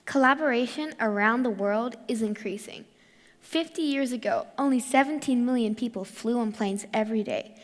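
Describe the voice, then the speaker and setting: A teenage girl from Morocco and Australia giving a clear, rehearsed talk on stage. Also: fairly high pitch, normal speed, long reverb tail. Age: teens. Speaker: youth speaker. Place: large hall.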